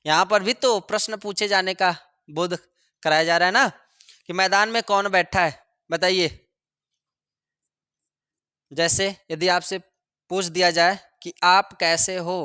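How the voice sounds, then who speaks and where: A male teacher giving a grammar lesson, repeating each example sentence slowly for students to copy. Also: high voice, steady tone, bright, forceful tone, clean tone, no room sound, clean studio sound. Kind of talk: classroom lesson.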